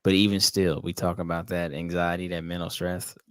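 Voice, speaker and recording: Low-voiced man, reflective and measured. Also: flat delivery, fairly bright tone, clean tone, no echo. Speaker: podcast co-host. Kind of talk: casual discussion podcast.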